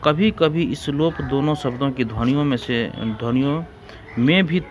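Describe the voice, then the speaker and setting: A man's voice: mid-range voice, moderate pace. A man teaching an exam-prep grammar lesson, repeating rules and examples and calling his listeners friends.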